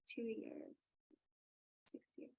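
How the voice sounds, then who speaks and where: A woman's voice: extremely slow, mellow, low-quality recording. A woman from Germany presenting informally and upbeat as a yoga teacher and webinar host. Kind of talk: casual presenting and personal storytelling.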